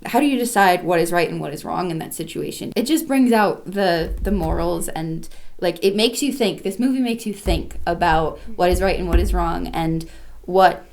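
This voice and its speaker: A woman's voice: on the low side, moderate pace, gravelly, darkish tone. A woman co-hosting a casual film-review podcast, talking enthusiastically and rambling with lots of fillers. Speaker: podcast co-host.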